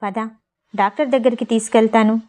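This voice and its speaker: A woman reading aloud, voicing a distraught young husband in a Telugu audio story with a low, subdued delivery. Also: steady tone, brisk, dark tone, natural voice. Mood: harsh.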